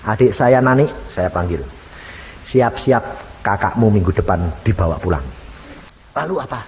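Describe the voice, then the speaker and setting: This evangelist preacher speaks in a lowish, expressive, slightly mellow voice at normal speed. He tells stories in his sermon and plays out dialogues using changing voices, captured with hall reverb, light hiss, and old MP3 compression.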